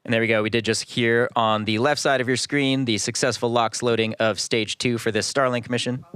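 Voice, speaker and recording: A man's voice: medium pitch, steady tone, brisk, a bit bright, clean tone, dry recording. A man hosting a live launch webcast with composed, informative, explanatory commentary.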